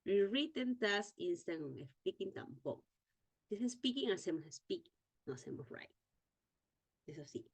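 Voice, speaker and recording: A woman teaching an exam-prep lesson, reading English terms slowly and repeating key points. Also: medium pitch, sing-song, slightly rough.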